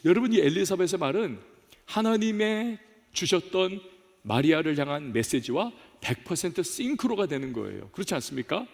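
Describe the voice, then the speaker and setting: A male pastor preaching with a fairly high, gravelly voice that swings widely in pitch. He builds to forceful peaks, then drops low and quiet. The sound carries the long reverb of a church hall. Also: moderate pace. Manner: animated preaching, rising to emphatic peaks then dropping low. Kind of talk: sermon. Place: church sanctuary.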